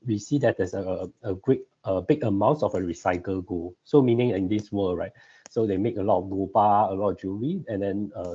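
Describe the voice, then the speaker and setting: A man with a low, mellow, slightly husky voice talks through an online group call, and the sound comes through dull and lo-fi. He presents haltingly and fills his pauses with hesitation sounds. His computer mic gives the thin feel of a video call. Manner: halting, frequent filler sounds. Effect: online group call audio. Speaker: guest presenter.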